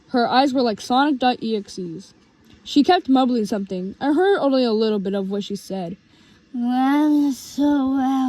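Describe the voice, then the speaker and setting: A woman reading her own homemade story aloud, in a halting way with restarts. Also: on the high side.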